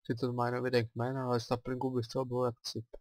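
This let's play is narrated casually by a man with a Czech accent who talks his thoughts through and lets out excited exclamations. He speaks at a medium pitch over a noisy background.

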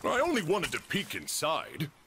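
An actor playing a big, proud, dim-witted creature guardian in a video game, with a dopey cartoon bellow. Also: male voice, on the high side, huge pitch swings, moderate pace, background noise. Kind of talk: video game character acting. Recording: game music behind the voice.

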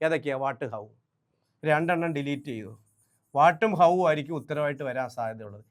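Man with a somewhat high voice, leading an emphatic exam-prep grammar lesson. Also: fairly quick. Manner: quizzing, answers own questions, emphatic. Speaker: English grammar teacher.

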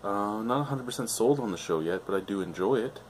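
A man's voice: on the low side, expressive, brisk, slight background noise. A middle-aged man reviewing a beer on camera at home, rambling and enthusiastic, swearing freely. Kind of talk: casual beer review vlog. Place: living room at home, indoors.

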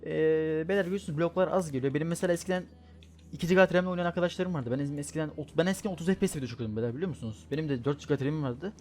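A man giving playful gameplay commentary, rambling quickly, correcting himself mid-word and trash-talking the other players. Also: on the high side. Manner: joking, trash-talking at opponents; rapid, rambling chatter with self-corrections. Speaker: gaming YouTuber.

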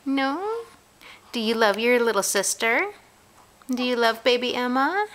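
A woman, a mother, chatting gently in a sing-song way to her toddler, repeating simple questions. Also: fairly high pitch, very animated, measured pace. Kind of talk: casual child-directed chat, gentle questions to a toddler. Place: carpeted room at home. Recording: home camera with clear background noise.

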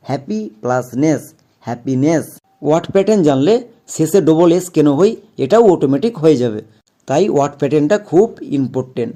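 A man's fairly high, mellow voice carries a video lesson on how to pronounce English. He goes about it methodically, spelling words out letter by letter and coming back to the key rules again and again for emphasis.

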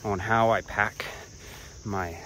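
A man vlogging hiking tips while walking a trail outdoors, relaxed and a bit profane, talking between breaths. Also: lowish voice, slow pace, a little hiss or hum. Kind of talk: casual talk while hiking. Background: crickets and insects.

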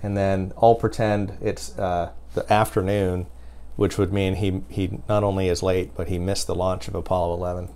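A man's voice: sits low, flat delivery, normal speed, mellow. A man in his forties giving a casual demonstration and explanation in an interview. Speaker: website creator being interviewed. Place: small home office. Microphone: lapel mic.

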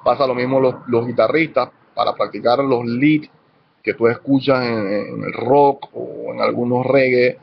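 A man's voice: mid-range voice, steady tone, measured pace, gravelly. A man teaching urban music technique in a casual video lesson, laying out his points in numbered steps. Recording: slightly dull lo-fi sound with faint noise.

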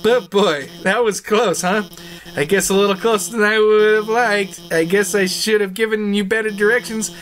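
A woman commentating her game playthrough, jokey and excitable, yelping and laughing. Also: medium pitch, moderate pace. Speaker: let's play gamer. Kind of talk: gaming commentary.

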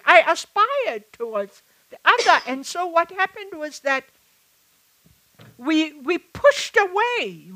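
On stage at a live event, an older South African author and activist talks in public conversation through a headset mic. Her voice is bright, slow and on the high side, and her manner reflective and halting, with many restarts. The recording is low quality.

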